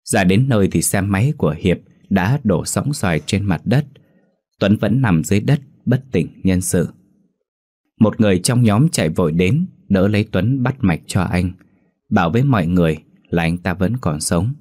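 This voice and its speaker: A man's voice: low voice, animated, moderate pace, a little mellow, husky. A man narrating a ghost story dramatically and acting out each character.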